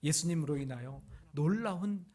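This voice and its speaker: A man's voice: a little high, moderate pace, dark tone. A man pastor preaching a sermon, retelling a story with dramatic acted-out cries.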